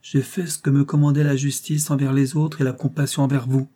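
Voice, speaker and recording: A man reading an audiobook, voicing a calm, stern young gentleman who speaks in a quiet, measured way. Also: medium pitch, pitched above the performer's own voice, close to an everyday voice.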